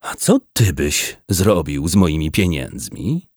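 A man's voice: extremely low pitch, big pitch swings, takes it slowly, slightly rough, no room sound, studio quality, full character voice. A man voicing a harsh, contemptuous rich farmer who speaks sharply and slyly. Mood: scornful. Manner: sharp, scornful, sly.

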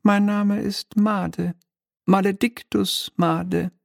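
A man's voice: high-pitched, level tone, takes it slowly, gravelly, no echo, clean studio sound, pitched above the performer's own voice, heavily acted. A man reading an audiobook, voicing an oily, pompous male demon bailiff from hell with unctuous, mock-polite formality.

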